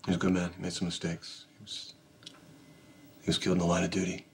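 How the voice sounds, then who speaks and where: An actor playing a brooding, guarded man in a TV soap, speaking in a halting, understated, serious way. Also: low-pitched, completely flat delivery, slight background noise. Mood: somber, confiding. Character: brooding, guarded man carrying an old grudge. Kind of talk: naturalistic TV soap drama acting.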